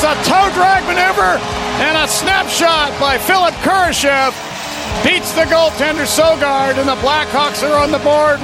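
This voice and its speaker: Rapid hockey play-by-play man, very high-pitched. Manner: shouts drawn-out calls at big moments. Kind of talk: live sports commentary. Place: sports broadcast booth at an arena.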